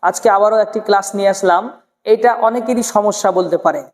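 Man teaching English sounds in a hall. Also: sits high. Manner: slow drilled repetition of sounds. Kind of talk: spoken language lesson. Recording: long room reverb.

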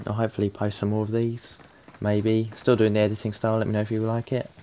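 A man's voice: on the low side, completely flat delivery, fast. A man giving casual, rambling, understated commentary as the creator of a gameplay video. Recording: gunfire and game noise behind voice. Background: shooter game audio.

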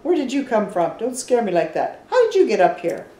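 A woman's voice: on the high side, brisk, soft background music. Older woman reading as an eccentric bird-obsessed researcher. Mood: excitable. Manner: reads game dialogue aloud in a lively, theatrical way. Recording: roomy echo.

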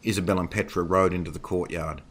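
A male narrator reads a horror story with a deep, low voice. His tone is bright and crisp despite the low pitch. His delivery is steady and measured. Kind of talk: scripted narration.

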